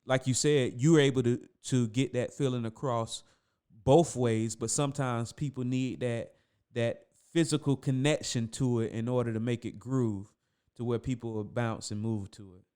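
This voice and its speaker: A man's voice: mid-range voice, steady tone, moderate pace, darkish tone, clear, resonant tone. A man hosting a podcast, chatting casually with his guest and often repeating words as he restarts. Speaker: podcast host. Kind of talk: casual interview chat.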